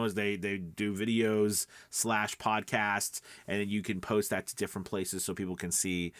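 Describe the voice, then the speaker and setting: A middle-aged man hosts a voice-over coaching video podcast, talking in a casual, instructional vlog style that rambles and often rephrases. His voice is fairly low and fairly bright, recorded at studio quality with no echo.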